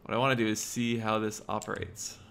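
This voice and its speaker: Gravelly low-voiced man streaming a game. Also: level tone, a little fast, a bit bright. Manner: muttering to himself while planning, talking to chat. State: hiccups. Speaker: livestreamer. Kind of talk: casual gameplay commentary.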